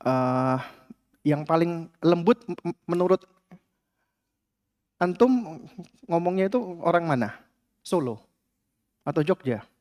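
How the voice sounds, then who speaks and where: A man's voice: fairly high pitch, a little mellow. A man giving a conversational religious lecture at a study gathering, often tagging his points with "ya". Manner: conversational, frequent filler "ya" and "apa". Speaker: Islamic religious teacher.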